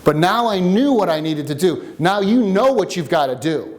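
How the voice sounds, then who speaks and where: A man coaching a workshop group, teaching with jokes and a personal story in an animated way. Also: high-pitched, moderate pace. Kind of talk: seminar teaching with stories. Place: room with a live audience.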